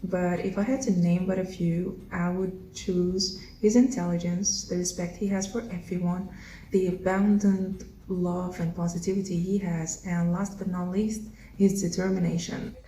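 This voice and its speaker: Woman from Algeria, deep warm voice, poetic fan message in an echoey room. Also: steady tone, normal speed, a little hiss or hum. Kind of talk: fan testimonial. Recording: roomy echo.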